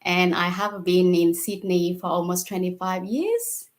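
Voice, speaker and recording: Slow-spoken Vietnamese-born woman in her forties. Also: fairly low pitch. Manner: unhurried, simple phrasing with fillers and soft laughs. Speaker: guest. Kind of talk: casual interview.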